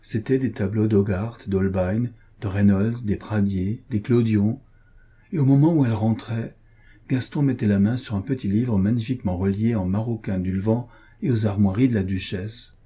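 A man reading a nineteenth-century romance novel aloud in calm, measured narration. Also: lowish voice, husky. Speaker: audiobook reader.

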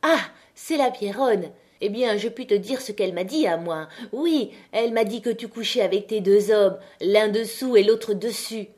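A woman's voice: mid-range voice, normal speed, few pauses, darkish tone, natural voice. A woman voicing a weary miner's wife who answers with biting mockery in an audiobook. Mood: mocking. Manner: mocking, biting. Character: worn-out miner's wife, sharp mocking laugh.

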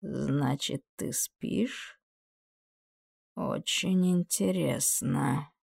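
A woman voicing a menacing, sardonic male demon who hisses his lines low and slow. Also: vocal fry, darkish tone, breathy edge, no room sound, clean studio sound, full character voice. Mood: mocking.

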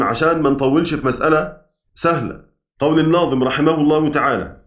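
A man with an Egyptian Arabic accent teaching a class, chanting verses slowly and checking his students' understanding with quick questions. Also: fairly high pitch. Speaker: Quran recitation teacher. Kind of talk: classroom lesson explaining a poem. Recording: echoey room, voice from far off.

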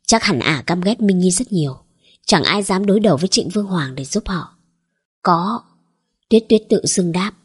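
A woman narrating a romance novel as an audiobook in a measured, dramatic reading. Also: on the low side, a little mellow, husky. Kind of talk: scripted story narration.

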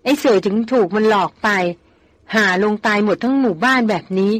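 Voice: medium pitch, a little fast, fairly bright tone, dry recording, natural voice. A reader voicing a frightened, superstitious male jungle tracker who pleads with his employer in a shaky voice close to tears. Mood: fearful.

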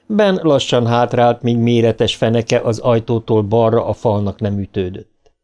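A man's voice: medium pitch, dark tone. A man narrating an audiobook in a tense, dramatic reading style.

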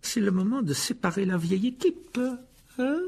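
A man voicing a cold, sneering adult wizard teacher who speaks slowly with icy mockery. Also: fairly high pitch, sing-song, creaky, a little mellow, slightly rough, voice pushed up, full character voice. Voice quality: icy, mocking, slow.

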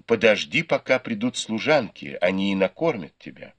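Man voicing a sharp-tongued young maid. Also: on the low side, very animated, normal speed. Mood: refusing. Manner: scolding, curt.

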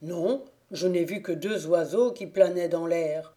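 A woman's voice: on the low side, measured pace, warm tone, natural voice. A woman voicing a male squire who plainly reports that he saw only small animals. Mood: reporting.

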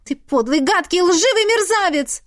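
A woman voicing a desperate young heroine who pleads in shrill outbursts. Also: lively intonation, normal speed. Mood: furious.

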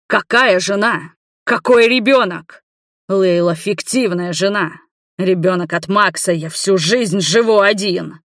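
A woman voicing Igor, a shouting, heartbroken man. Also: lowish voice, no echo, clean studio sound, natural voice. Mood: anguished shouting. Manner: shouting, slow and heavy. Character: distraught man, heart patient, shouting in anguish.

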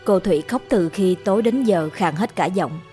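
Calm woman telling a ghost story. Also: lowish voice, normal speed, soft background music. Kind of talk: scripted narration of a ghost story.

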